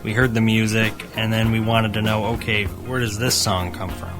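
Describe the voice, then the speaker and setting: A man's voice: on the low side, little pitch movement, normal speed, over music. A man hosting a radio show, reading an upbeat scripted intro and then chatting easily with his guest. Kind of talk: hosted radio show chat.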